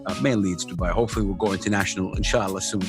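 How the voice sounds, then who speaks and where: A man hosting a casual interview over a video call, animated and friendly, using Arabic greetings. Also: low voice, rapid-fire, loud music behind the voice. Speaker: podcast host.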